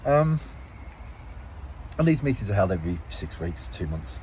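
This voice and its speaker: A man's voice: sits low, very animated, moderate pace, mellow, a little hiss or hum, poor audio. Rambling male councillor outdoors. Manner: rambling, repeats and restarts phrases. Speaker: local parish councillor. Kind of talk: casual spoken account.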